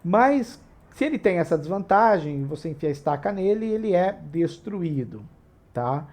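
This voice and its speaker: A man's voice: high-pitched, big pitch swings, normal speed, a little mellow. A man with a Brazilian Portuguese accent, hosting a tabletop RPG channel and explaining rules in a casual, digressive way with frequent tag questions.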